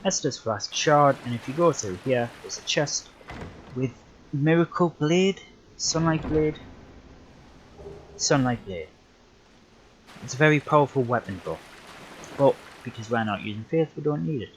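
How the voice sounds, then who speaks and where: A young man talks his way through a livestreamed game in a loose, unhurried way. He rambles and backtracks with plenty of fillers. His voice sits at an ordinary middle pitch. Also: slight background noise, low-quality recording. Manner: relaxed, rambling, self-correcting with many fillers. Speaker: livestreaming gamer. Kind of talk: casual gameplay commentary.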